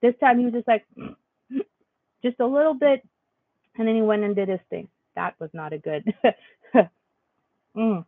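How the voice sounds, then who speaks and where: A young woman vlogger tells a faith story in a casual spiritual monologue, rambling with many fillers and restarts. Her fairly high voice moves slowly with long pauses, and the dry, echo-free recording sounds tinny and lo-fi.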